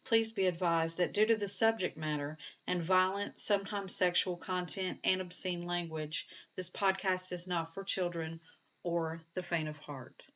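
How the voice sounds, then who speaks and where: A woman with a Southern US accent reading a scripted podcast intro and content warning in a slow, deliberate way. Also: fairly low pitch, steady tone, sharp tone. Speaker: podcast host. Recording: dull lo-fi voice-over over faint music.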